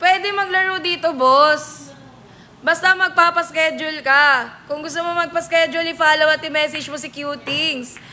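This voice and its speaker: A woman's voice: high-pitched, fairly even intonation, moderate pace, bright, forceful tone. A woman hosting a casual live stream, answering viewer comments with playful, teasing comebacks. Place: billiards venue.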